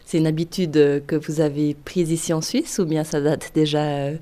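A woman interviewing a guest for television, asking brisk, guiding questions. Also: low-pitched, fairly even intonation, warm tone.

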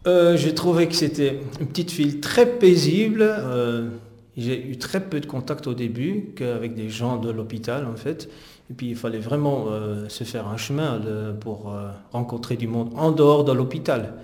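In a roomy-sounding recording, an interviewed physiotherapist from the Netherlands, a hesitant middle-aged man, talks conversationally about his personal history. His mid-range voice is a little mellow and moves at normal speed.

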